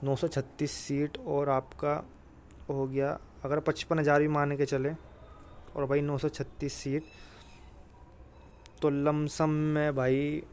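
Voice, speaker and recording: Speaking slowly with long pauses, a man in a level, slightly mellow voice on the high side gives coach-style exam tips, and a little hiss or hum is audible. He reassures listeners repetitively and emphatically, often calling out to them directly.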